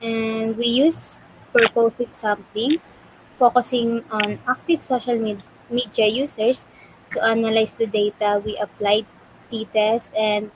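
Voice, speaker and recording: A young woman short of breath and coughing, halting as she gives a prepared academic presentation. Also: on the high side, a little hiss or hum, poor audio. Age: young adult. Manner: halting, stumbling over words. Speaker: student research presenter.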